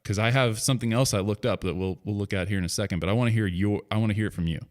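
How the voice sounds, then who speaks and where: Deep-voiced rambling man in his thirties. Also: rapid-fire. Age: 30s. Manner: rambling, many fillers and restarts. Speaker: podcast host. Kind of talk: casual interview chat.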